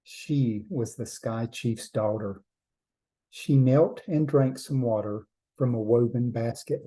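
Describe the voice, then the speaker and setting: Male storyteller, trickster tale narration, dark mellow tone, unhurried pace, measured short phrases. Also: medium pitch, poor audio.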